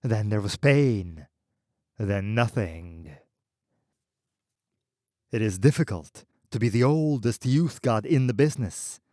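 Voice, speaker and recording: Slow, expressive male audiobook narrator. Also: on the low side, no echo, studio quality.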